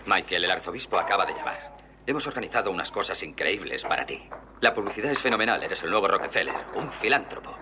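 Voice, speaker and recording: A smooth, eager financier. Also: male voice, sits low, expressive, quick pace, background noise. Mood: persuasive. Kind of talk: dubbed film dialogue.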